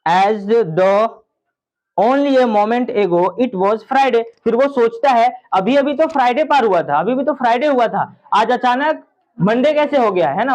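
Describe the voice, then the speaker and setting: A man teaching an English story to a class, reading lines slowly and explaining them with questions to his students. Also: high-pitched, darkish tone, poor audio.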